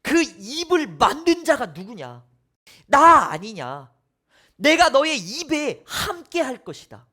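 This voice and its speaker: A preacher acting out God in a sermon retelling, loud and emphatic with drawn-out words. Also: high-pitched, very animated, voice pushed up, exaggerated voice. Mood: reassuring. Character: God, exasperated, commanding, speaking to Moses. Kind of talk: sermon retelling with acted voices.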